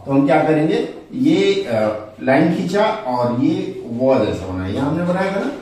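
A man gives a slow, patient lesson, walking through each letter and asking questions as he goes. His voice sits a little high and swings widely in pitch. He sounds far from the mic in a very echoey room. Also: very animated, a little mellow. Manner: patient, repeats and asks the learner questions. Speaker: Hindi teacher. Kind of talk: step-by-step script lesson at a board.

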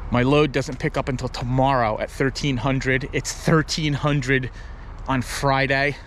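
A man's voice: mid-range voice, steady tone, unhurried, a bit bright, slight background noise. Easygoing trucker man vlogging at arm's length. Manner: rambling, easygoing, talks with many fillers. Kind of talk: casual vlog talk to camera. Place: outdoors at a truck stop lot, later inside a truck cab. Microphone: handheld camera at arm's length.

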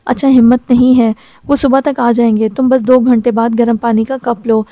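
A woman's voice: a little high, level tone, normal speed, dark tone, no room sound, natural voice. A woman reading the lines of a drowsy, offhand young man speaking over a base camp radio in an audio novel.

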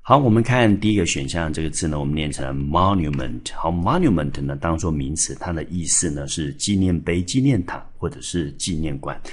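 Very low, husky-voiced male teacher. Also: lively intonation, a little fast, hardly any pauses. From Taiwan. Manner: explains step by step, spells out letters, many filler particles. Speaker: English teacher. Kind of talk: exam-prep vocabulary lesson. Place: school classroom or studio.

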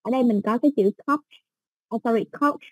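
A woman with a Southern Vietnamese accent, teaching an exam-prep English lesson in a patient, step-by-step way with soft fillers. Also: a little high, quick pace, dry recording.

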